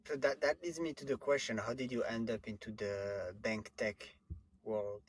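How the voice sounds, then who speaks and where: A man hosting a podcast, asking a guest several quick questions in a row. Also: medium pitch, steady tone, breathy edge, no room sound. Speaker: podcast host. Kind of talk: casual interview questions.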